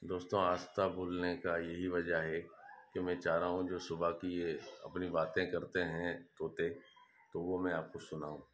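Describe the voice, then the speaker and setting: A man with touches, chatting casually in a vlog as he shows his pet birds, speaking gently and calling to them in a coaxing voice. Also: deep voice, monotone, moderate pace, roomy sound, slight background noise. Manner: soft and hushed at the start, coaxing and calling to birds.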